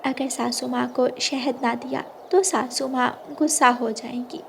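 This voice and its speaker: Young sparrow bride voiced by a woman, bright high pitch, polite and obedient, slight hiss. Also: steady tone, unhurried, vocal fry, exaggerated voice. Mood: eager. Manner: polite, eager. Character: dutiful young sparrow daughter-in-law, eager and obedient. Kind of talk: storybook cartoon voice acting.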